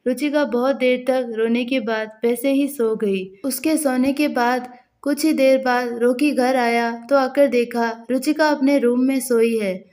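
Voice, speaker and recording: A woman narrates a dramatic story in a fairly high voice. She reads the dialogue of every character without changing her voice much, keeping a steady storytelling delivery. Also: a little slow, hardly any pauses.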